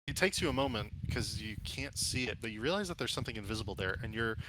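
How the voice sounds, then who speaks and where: A man acting as game master, improvising descriptions for a tabletop game in a halting, descriptive way. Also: mid-range voice, noisy background.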